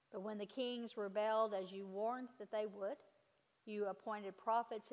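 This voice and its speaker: Woman pastor in a reverberant hall. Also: medium pitch. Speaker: pastor leading communion liturgy. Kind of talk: solemn liturgical address and prayer. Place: large church or hall during a service. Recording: reverberant hall with long echo.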